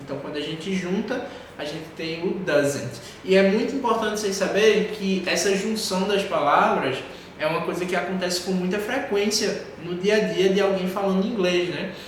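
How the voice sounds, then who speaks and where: Northeast guy teaching english, kinda high voice, patient, keeps repeating stuff, really echoey room. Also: moderate pace, slight background noise. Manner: patient, repeats and drills pronunciation. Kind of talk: classroom teaching.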